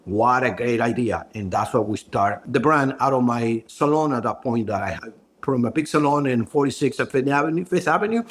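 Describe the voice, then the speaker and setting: Halting man. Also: mid-range voice. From Ecuador. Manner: halting, searching for words. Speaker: brand co-founder and hairstylist. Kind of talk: podcast interview.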